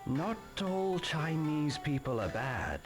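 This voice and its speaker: A man's voice: on the high side, big pitch swings, over music. An actor playing an older male shopkeeper who explains things in a dubbed video game. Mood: explaining. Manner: slow, explaining.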